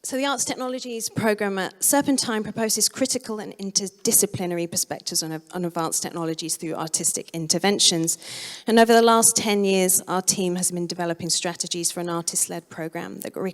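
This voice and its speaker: Hoarse woman giving a keynote. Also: lowish voice. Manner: measured, self-correcting presentation. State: losing her voice. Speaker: keynote speaker. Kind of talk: conference keynote talk. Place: museum auditorium. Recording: long reverb of a lecture hall.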